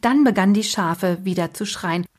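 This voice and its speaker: A woman with a breathy voice reading a children's book aloud expressively, dropping to a whisper at tense moments. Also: medium pitch, moderate pace, a little mellow. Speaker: storyteller.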